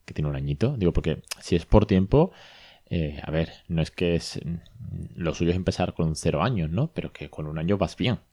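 A man from talks in a deep, mellow voice. He hosts a casual podcast, retelling a consultation with chatty asides. The recording is dry and close. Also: expressive, normal speed, no echo. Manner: conversational, retells dialogue, frequent asides and self-corrections. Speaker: podcast host, bilingual parenting consultant.

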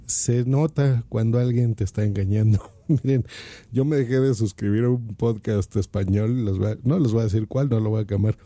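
A man's voice: lowish voice, normal speed, mellow, dry recording. A man with a Mexican accent hosting a podcast, talking casually and playfully to his listeners while recording on a phone in his office. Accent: Mexican Spanish. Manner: playful and chatty, addresses listeners directly. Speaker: podcast host.

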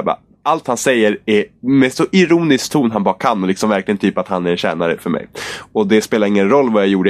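A man's voice: fairly low pitch, dry recording. A man in casual chat, telling a long gaming story animatedly and acting out the characters' lines.

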